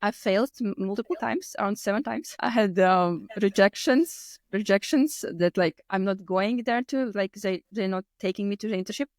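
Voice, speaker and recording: A woman's voice: medium pitch, normal speed, few pauses, dry recording. Latvian-accented woman in her thirties, dry sound. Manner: non-native English with loose grammar and word order. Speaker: podcast guest. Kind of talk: casual personal storytelling in interview.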